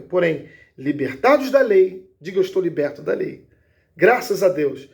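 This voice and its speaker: A male pastor speaks high in his register, and a gravelly rasp runs through his voice. He teaches scripture with steady emphasis and often pauses to check that his listeners are following. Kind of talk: Bible teaching video.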